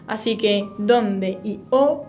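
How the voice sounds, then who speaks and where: Slow, patient woman teaching French. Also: mid-range voice, a little mellow, soft background music. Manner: slow, patient, spells out each letter. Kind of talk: recorded language lesson.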